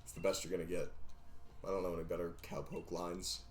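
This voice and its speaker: Male streamer, young adult, low-pitched, rambling and joking, desk mic, faint game music behind. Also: flat delivery, fairly quick. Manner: rambling, joking, counting aloud, sings to himself. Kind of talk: casual live-stream chatter while gaming.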